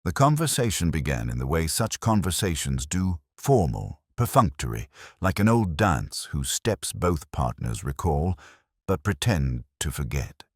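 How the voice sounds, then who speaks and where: In this scripted detective audio drama, a man gives first-person narration as a weary old inspector, speaking extremely low with a wry, melancholy mood. It's heavily acted, literary, measured and brooding, rising and falling expressively, recorded dry and close.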